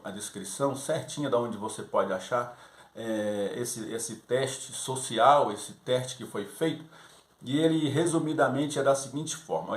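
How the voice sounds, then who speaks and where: In a relaxed, conversational way, a man with a middle-pitched voice gives youth class teachers tips on a Sunday school lesson, frequently checking in with a quick "right?". He's speaking in an echoey room.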